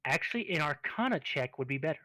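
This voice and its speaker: A man's voice: fairly high pitch, lively intonation, fast talker, sharp tone. A man running a tabletop game in a casual, jokey way, with some swearing. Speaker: game master.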